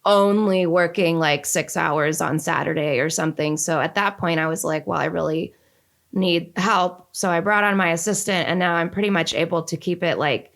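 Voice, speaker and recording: A young woman from the Northeastern United States, chatting as a podcast guest, candid and lively with lots of fillers. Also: on the low side, normal speed, gravelly. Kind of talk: casual conversation.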